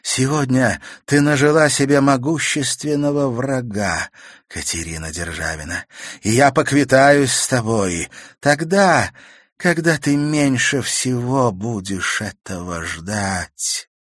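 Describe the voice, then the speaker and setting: A man's voice: mid-range voice, takes it slowly, no echo, studio quality, voice pushed up. A man voicing a vengeful, ruthless countess who hisses cold threats in a storybook reading. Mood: menacing. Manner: hissing, menacing threats.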